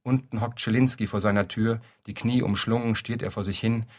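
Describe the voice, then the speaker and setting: A man reading a literary story aloud in a dry, deadpan narrating manner. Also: lowish voice, brisk. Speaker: reader.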